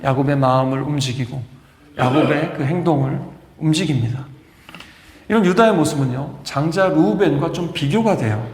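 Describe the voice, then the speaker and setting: A man's voice: a little high, moderate pace, darkish tone. Man preaching in an echoey church hall. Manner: emphatic, storytelling, acts out quoted lines. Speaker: pastor. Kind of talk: sermon. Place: church sanctuary.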